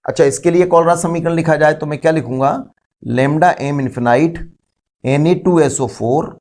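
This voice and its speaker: A man's voice: a little high, a little slow, a little mellow. A man teaching a chemistry lesson, explaining step by step, asking the class questions and calling his students "beta". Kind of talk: classroom lecture.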